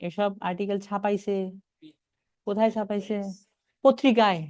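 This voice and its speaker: Man, online reading teacher, chatty, calls out names, reads English slowly phrase by phrase. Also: high-pitched, fairly even intonation, a little mellow, clear, resonant tone. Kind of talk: live online class.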